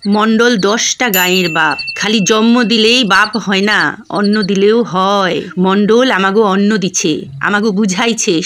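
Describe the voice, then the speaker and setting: A woman voicing a sharp-tongued village mother-in-law who scolds hotly in rural dialect. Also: medium pitch, a little hiss or hum. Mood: pleading firmly. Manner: heated, scolding dialect speech.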